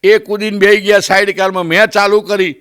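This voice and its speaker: A man's voice: brisk, smooth. A Gujarati-accented male comedian telling a funny story and acting out its characters. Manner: animated, acts out characters with raised pitch. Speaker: stand-up comedian. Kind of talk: comic storytelling. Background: audience laughter.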